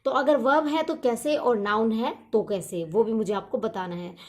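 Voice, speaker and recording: A woman with a high voice teaches a grammar lesson. She keeps asking a question and answering it herself, repeating each key word several times. When she spells words out she slows right down. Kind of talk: explanatory lesson.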